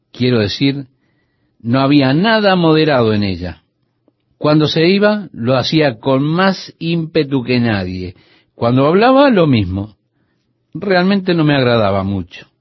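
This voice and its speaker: A man's voice: fairly high pitch, husky, dry recording. A man preaching a radio sermon, earnestly addressing the listener directly. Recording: dull, lo-fi dry recording.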